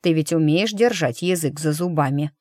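Woman doing a gruff young mage guy, matter of fact and grumbly, low pitch, dry mic. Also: moderate pace, dark tone, dry recording. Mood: stern. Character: gruff blunt young male battle mage. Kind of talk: audiobook character reading.

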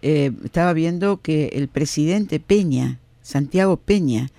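A man, a radio host calmly giving information with occasional fillers. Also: fairly high pitch, a little slow, gravelly, no echo. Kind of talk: radio commentary.

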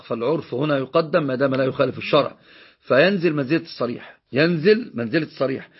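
A man's voice: on the high side, husky, highs cut off. A man with an Egyptian accent teaching a religious law lesson, explaining a text and repeating key phrases for emphasis. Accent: Egyptian Arabic.

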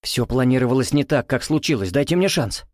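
A man's voice: mid-range voice, expressive, a little fast, a little mellow, no echo, studio quality, close to an everyday voice. A man doing a flustered, babbling suspect. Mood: nervous. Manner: babbling, nervous. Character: flustered, frightened man caught lying.

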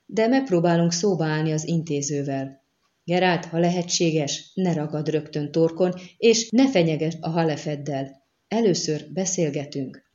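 A woman reading a blunt young bandit girl, low mellow voice, commanding, dull recording. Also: close to an everyday voice.

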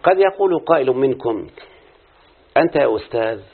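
Talking directly to his class about prosody, a man with an Egyptian Arabic accent lengthens syllables to illustrate his points. He has a medium-pitched, slightly rough voice with lively intonation and a somewhat fast pace. The sound is lo-fi and tinny, as if from a phone.

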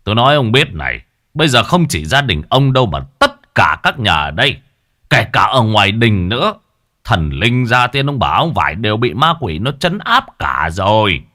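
A man voicing a shrewd exorcist master who speaks in a measured, authoritative way. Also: lowish voice, very animated, pushed and bright. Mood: calm. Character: shrewd male exorcist master, calm and mercenary.

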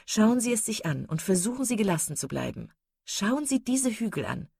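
A woman's voice: very animated, normal speed, creaky, a little mellow, husky, no room sound, clean studio sound, heavily acted. A woman reading an audiobook voices a passionate, dreamy young woman who gushes and exclaims. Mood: eager. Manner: gushing, exclamatory, rising high. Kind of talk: audiobook character voice.

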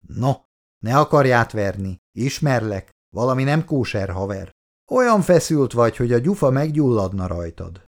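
A man voicing a jovial army lieutenant who teases his friend loudly and heartily in an audiobook. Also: medium pitch, sing-song, voice pushed up. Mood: teasing. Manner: loud, mocking, hearty. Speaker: platoon lieutenant.

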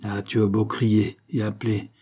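A man's voice: lowish voice, level tone, normal speed, dark tone, lightly acted. A man voicing a menacing brutish bully. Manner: menacing, harsh. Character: brutal threatening man, cowardly bully.

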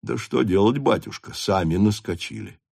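A male narrator plays an older cavalry staff captain, stern, honest and proud of his regiment. He lectures with earnest reproach in a lowish voice, recorded close and dry. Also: normal speed, creaky, darkish tone, breathy edge, dry recording, full character voice. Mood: reproachful.

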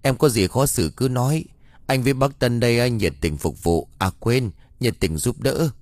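A man's voice: medium pitch, normal speed, a little mellow, no room sound, close to an everyday voice. A man voicing an eager, cheeky young village lad, in a read-aloud story. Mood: coaxing. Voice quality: eager, teasing, chatty.

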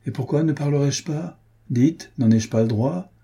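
A man voicing a jealous, passionate noblewoman in an audiobook reading, raising his pitch as she pleads and rages. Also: normal speed, gravelly, mellow, husky. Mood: reproachful. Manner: pleading then bitter, vengeful. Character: jealous, passionate noblewoman scorned by her lover.

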